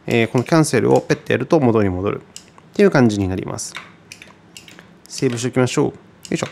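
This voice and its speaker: A man teaching guitar in a relaxed tutorial, chatty and thinking aloud with many fillers. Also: medium pitch, fast talker, vocal fry, slight background noise. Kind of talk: casual tutorial explanation.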